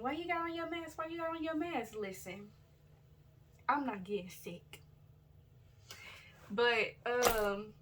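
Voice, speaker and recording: Chatty woman vlogging, a little distant. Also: a little high. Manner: rambling and loose, with many fillers and self-corrections; chatty and relaxed, addresses viewers directly. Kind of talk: casual storytelling vlog. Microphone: built-in device camera mic.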